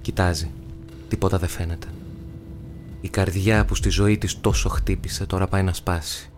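A male actor narrating a novel as an audiobook, measured, with dramatic pauses. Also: sits low, fairly even intonation, a little mellow, a little hiss or hum.

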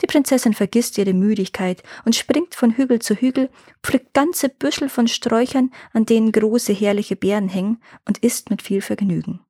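A woman narrating a fairy tale aloud in a calm, measured storybook reading. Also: on the high side, dry recording, studio quality.

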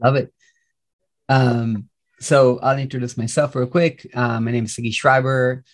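A man's voice: medium pitch, flat delivery, a little slow. A man, co-hosting a podcast in loose, rambling casual chat full of fillers. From Israel. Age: 30s. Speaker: podcast co-host.

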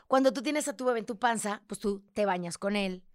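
A woman's voice: mid-range voice, brisk, dry recording, clean studio sound. A young woman with a Mexican accent, speaking frankly and emotionally as a guest in a candid conversation, swearing freely and acting out the voices she quotes.

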